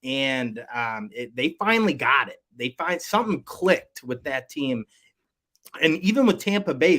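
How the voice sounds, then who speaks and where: A man's voice: on the high side, fairly bright tone. A man co-hosting a sports betting show, talking in a rambling, hesitant way with many fillers. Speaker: co-host. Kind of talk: casual sports betting chat.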